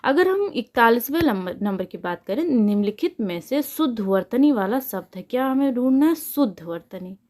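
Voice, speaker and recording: A woman's voice: on the high side, lively intonation, moderate pace, few pauses, a little mellow. A woman teaching a spelling lesson online, repeating each answer and asking herself questions before she answers them. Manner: repeats answers, asks and answers her own questions. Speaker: Hindi exam tutor.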